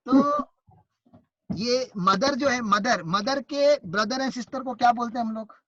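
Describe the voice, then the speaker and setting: A man with an Indian accent teaching an online class, lively and teasing as he quizzes his students. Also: very high-pitched, unhurried, no room sound, lo-fi sound.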